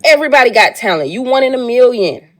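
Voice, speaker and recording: A woman's voice: fairly high pitch, expressive, quick pace, a bit bright. A woman in an impassioned opinion rant, emphatic and exasperated, hammering her points with repetition.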